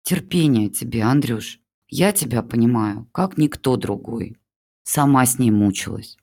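A reader voicing a melodramatic older mother who plays a pitiful old woman and flatters her son-in-law in a gushing, theatrical manner, as an audiobook character. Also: medium pitch, measured pace.

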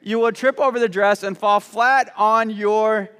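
A man's voice: sits high, fairly even intonation, measured pace, a bit bright, clean tone, long reverb tail. A male pastor preaching a sermon in a church, talking in a conversational, joking way with frequent false starts and repeated words. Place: church sanctuary.

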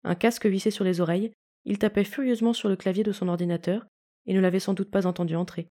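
A woman reading a fanfiction story aloud in calm, even audiobook narration. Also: medium pitch, fast talker. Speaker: fanfiction reader.

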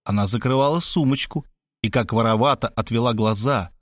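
A man narrating a first-person audiobook with lively, dramatic storytelling. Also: mid-range voice, brisk, no room sound, studio quality.

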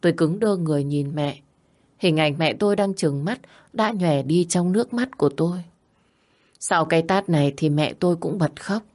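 A woman's voice: lowish voice, moderate pace, darkish tone. A woman narrating a story in the first person, in an earnest, sorrowful manner.

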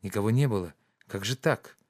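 A man's voice: on the low side, brisk, darkish tone, close to an everyday voice. A man reading the part of an anxious, irritable idle nobleman who frets and scolds his servant. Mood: fretful. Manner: fretful, peevish scolding.

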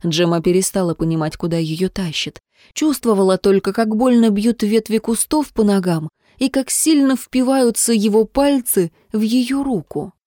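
A woman narrating a romance novel as an audiobook, in an expressive, dramatic reading. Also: medium pitch, moderate pace, no echo, studio quality.

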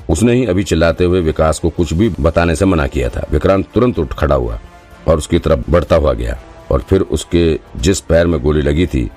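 Very deep-voiced male audiobook narrator. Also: a little mellow. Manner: dramatic storytelling, voices all characters himself. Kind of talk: scripted narration.

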